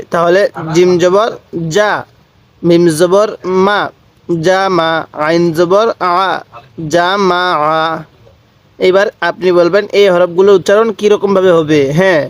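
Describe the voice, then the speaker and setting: A man teaching Quran reading, spelling words out syllable by syllable and prompting the viewer to repeat after him. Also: high voice. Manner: slow, drawn-out syllable-by-syllable spelling. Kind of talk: step-by-step recitation lesson.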